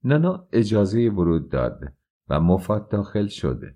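A man narrates a novel in steady, measured tones. His voice sits very low and sounds dark and mellow. The reading is calm and unhurried throughout. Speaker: audiobook narrator. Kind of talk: scripted narration.

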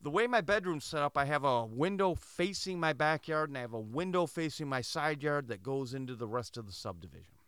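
Brisk and barely pausing, a middle-aged podcast host from Michigan tells a story in a clear, resonant voice on the high side, with no room sound. He keeps it casual and animated, voicing the characters' quoted dialogue.

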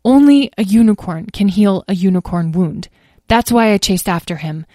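A woman reading a storybook, voicing an earnest young boy who rushes to reassure everyone. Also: medium pitch, animated, dark tone, no room sound, studio quality, lightly acted. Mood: sheepish. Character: eager young boy, unicorn-loving.

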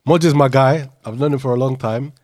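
A man's voice: mid-range voice, fairly quick, darkish tone, dry recording, clean studio sound. A man with a London roadman accent, chatting and interjecting casually as a podcast guest. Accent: London, urban street slang.

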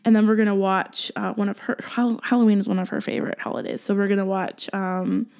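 A woman's voice: mid-range voice, fairly even intonation, a little fast, a little mellow. A Canadian woman hosting a podcast solo, chatting casually and effusively in a rambling way full of asides. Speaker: podcast host.

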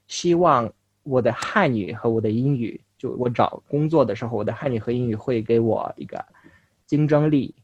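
A young man from Russia, a native Russian speaker, talks casually as an interview guest in foreign-accented Mandarin, halting and correcting himself. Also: medium pitch, a little mellow, slightly rough, no echo, muffled recording. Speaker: interview guest, language learner.

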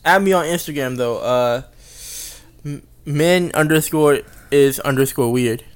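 A man's voice: on the high side, measured pace, smooth. A young man co-hosting a podcast, laid-back and drawling, leaning on "man" and "you know". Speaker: podcast co-host and editor. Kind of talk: casual podcast chat.

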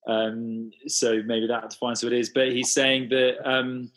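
A man co-hosting a podcast, rambling in a halting way with lots of fillers. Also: mid-range voice, completely flat delivery, fairly bright tone, poor audio. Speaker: podcast co-host. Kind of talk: casual sports chat.

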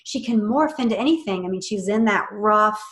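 A woman's voice: mid-range voice, brisk, fairly bright tone. A woman guest on a podcast, chatting casually and animatedly about a book she wrote, laughing often. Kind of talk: casual chat. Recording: roomy echo.

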